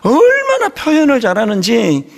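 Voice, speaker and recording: A middle-aged male pastor with a very high, sing-song voice tells funny stories mid-sermon in a chatty tone. His words ring out with a long reverb from a big church sanctuary. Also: normal speed, creaky. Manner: conversational storytelling, humorous and animated. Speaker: senior pastor.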